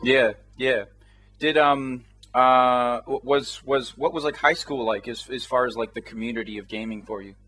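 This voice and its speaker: A man's voice: medium pitch, fairly even intonation, normal speed, a bit bright, soft background music, rough recording. A man interviewing a guest in a laid-back, chatty way, with plenty of fillers. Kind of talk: casual interview.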